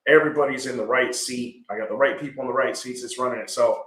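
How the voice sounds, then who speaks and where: This mid-range, fairly bright voice belongs to a landscaping business owner from Georgia in his 40s, a podcast guest who talks fast and steadily. The low-quality recording sounds roomy, and his earnest, rambling chat is peppered with "right?"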